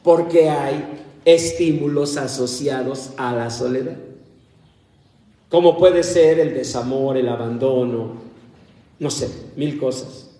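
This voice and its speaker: Playful slow-talking preacher, echoey hall. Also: male voice, mid-range voice, dark tone. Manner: chatty and playful, acts out everyday quarrels, teases the congregation. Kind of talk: conversational sermon. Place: church hall. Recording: echoey hall heard from far off.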